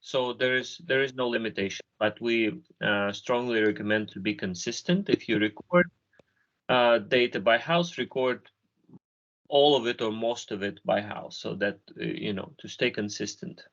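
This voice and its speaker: A man giving a step-by-step software demo over a video call, explaining with frequent ums and uhs. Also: lowish voice, moderate pace. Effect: video call audio. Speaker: software trainer. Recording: dull lo-fi call audio.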